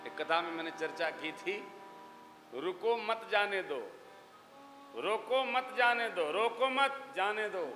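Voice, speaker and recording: A man giving a dramatic scripture discourse, dropping his voice low, then rising loud. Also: lively intonation, slow. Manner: dramatic storytelling, swings from hushed to loud. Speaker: religious storyteller. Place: large hall. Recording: echoey hall with music behind.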